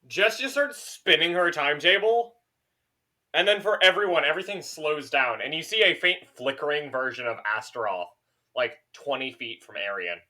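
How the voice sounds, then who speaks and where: Lively bright-voiced man running a game. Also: fairly high pitch. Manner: animated, swearing, playful. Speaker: game master. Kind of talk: narrating a tabletop game.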